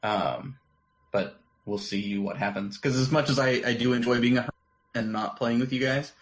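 A man's voice: medium pitch, moderate pace, low-quality recording. A man co-hosting a gaming podcast in casual chat, talkative and joking, full of filler words. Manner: chatty, filler-heavy, joking. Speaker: podcast co-host.

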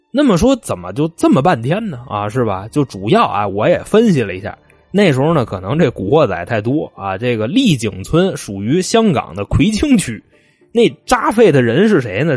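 A man's voice: mid-range voice, dry recording. A man telling a true crime story in a chatty, folksy way, with asides to the listener. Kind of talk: colloquial spoken crime storytelling.

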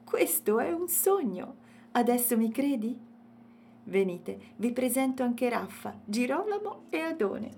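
A woman's voice: a little high, very animated, unhurried, vocal fry, a little mellow, pitched above the performer's own voice, exaggerated voice. A woman voicing a friendly young male elephant calf in a children's storybook, cheerful and playful.

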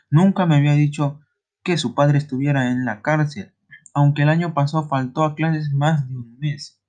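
A man with a slightly high voice tells a story in the first person. He stops and restarts often. He clears his throat again and again as he goes. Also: steady tone, unhurried, a little mellow, highs cut off.

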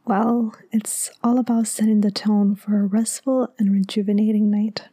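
Hushed, very mellow woman, sleep-story narrator style. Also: medium pitch, little pitch movement, normal speed, no room sound. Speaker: podcast host. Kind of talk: soft-spoken, soothing scripted narration like a sleep story.

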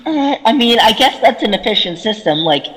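A man playing a tabletop game, joking casually in an excitable, sweary way. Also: high voice, fairly quick. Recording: long hall-like reverb.

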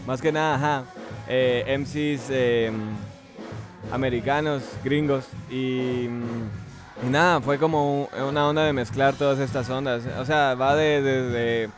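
Young man, Guatemalan Spanish accent, musician guest, relaxed, slangy, hesitant, soft music behind. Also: mid-range voice, takes it slowly. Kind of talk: casual interview chat.

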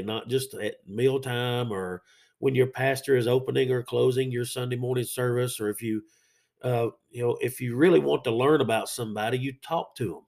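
Male faith-show host, raspy and under the weather with sinus trouble, plain conversational sermon delivery. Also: medium pitch, darkish tone. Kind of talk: sermon-like devotional teaching.

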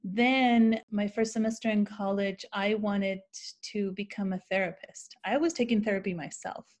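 A woman teacher from Ciudad Juarez on the Mexico-US border, whose first language is Spanish, appears as a guest in a casual interview. Her mid-range voice stays steady at a normal speed as she tells rambling, self-correcting stories.

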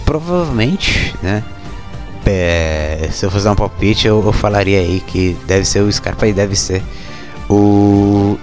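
A Brazilian man hosting casual football news, speaking haltingly with frequent mid-sentence pauses. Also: on the low side. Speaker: sports show host.

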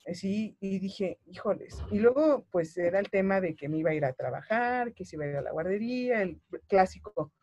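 A Mexican woman in her thirties, a mother retelling her story in a conversation, animated and emotional, often acting out what people said to her. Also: mid-range voice, brisk, few pauses, lo-fi sound. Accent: Mexican Spanish. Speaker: guest mother.

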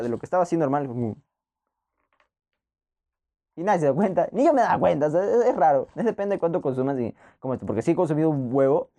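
A man's voice: medium pitch, warm tone. Rambling young man. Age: young adult. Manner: rambling, laughs often, many restarts. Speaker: podcast host. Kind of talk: casual monologue.

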